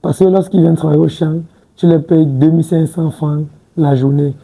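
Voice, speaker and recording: A man's voice: on the high side, fairly even intonation, fairly quick, vocal fry, warm tone, rough recording. A man in his twenties, a guest in a studio interview, talking casually and hesitantly, restarting words and often adding "tu vois un peu". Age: 20s. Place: TV studio set.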